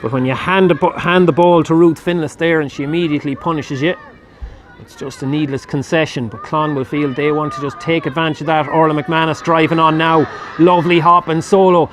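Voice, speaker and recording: A man's voice: steady tone, a little fast, slight background noise. A man with an Irish accent giving live play-by-play commentary at a match, rising sharply when a score comes. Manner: rises sharply in pitch and volume at scoring chances.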